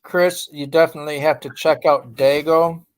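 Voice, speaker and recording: A man's voice: a little high, steady tone, moderate pace. A man chatting on a live stream, joking around and easygoing, calling himself a smart aleck. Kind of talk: casual live stream chat.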